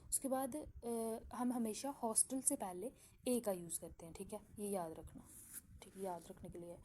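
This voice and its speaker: Mellow-voiced woman teaching grammar. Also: mid-range voice, fairly even intonation, slight background noise. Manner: repeats "ठीक है" often, explains slowly with examples. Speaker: English teacher. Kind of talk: classroom grammar lecture.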